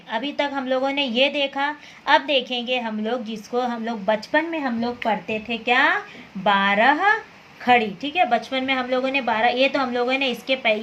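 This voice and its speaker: A woman's voice: fairly high pitch, sharp tone, a little hiss or hum. A woman teaching Hindi letters, patiently repeating words and checking understanding as she goes. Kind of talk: slow classroom explanation.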